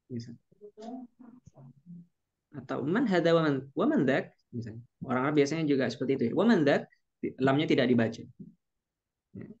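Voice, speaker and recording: A man's voice: fairly high pitch, lo-fi sound. A man teaching an online Arabic class, patiently drawing out each Arabic phrase.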